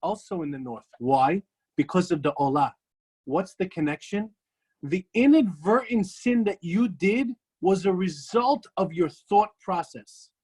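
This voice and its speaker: A man's voice: high voice, expressive, unhurried, darkish tone, husky. A rabbi teaches an ethics class with emphatic, storytelling delivery. He leans on repeated phrases to drive each point home. He speaks from the pulpit in an unpolished, conversational way.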